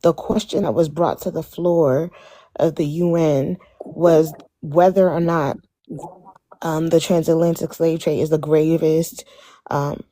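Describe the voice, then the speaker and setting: A woman calmly correcting misinformation in a live online debate, with frequent hesitant fillers. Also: low voice, measured pace, dry recording. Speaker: caller.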